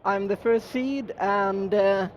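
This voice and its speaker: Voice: medium pitch, fairly even intonation. A player from Sweden, the top seed, introducing themselves hesitantly. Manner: hesitant, pausing often. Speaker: top-seeded finalist. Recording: muffled off-mic with faint noise.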